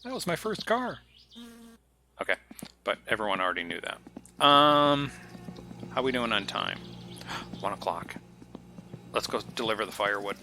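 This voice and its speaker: A man's voice: fairly low pitch, very animated, unhurried, long pauses, pushed and bright. A man streaming a game, talking casually and rambling between jokey asides. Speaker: gaming streamer. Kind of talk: casual gameplay commentary. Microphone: headset.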